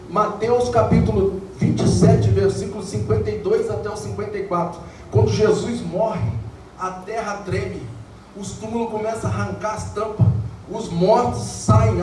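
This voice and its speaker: Man, Brazilian accent, high-pitched preacher, echoing church hall, music underneath. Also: far from the mic, a little hiss or hum. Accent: Brazilian Portuguese. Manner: builds to shouted, sung climaxes. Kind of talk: evangelical sermon. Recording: echoey church hall heard from afar, music behind.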